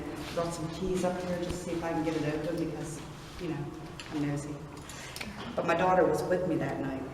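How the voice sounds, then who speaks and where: In an old prison at night, a low-pitched Appalachian woman leads a tour, projecting her stories loudly across the large empty rooms. The sound is echoey, distant, and noisy.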